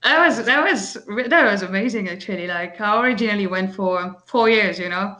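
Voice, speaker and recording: A woman's voice: medium pitch, brisk, pushed and bright. A woman in her thirties from France with a French accent, talking casually as an architect guest, with many fillers and restarts. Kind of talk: casual interview chat.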